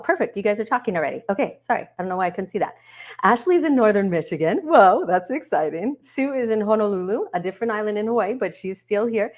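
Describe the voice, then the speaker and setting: Bubbly lady hosting a webcam livestream, fairly low voice, chatty and upbeat with the chat. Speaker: host of a live online wellness workshop. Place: home, yard work heard outside.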